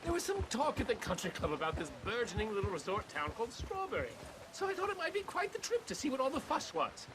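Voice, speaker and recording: Against clear background noise, a genteel city lady stranded in the Old West, from New York City. Her high voice swings animatedly as she chatters in a haughty, theatrical way, in video game period drama style. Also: sing-song, fast. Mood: chatty.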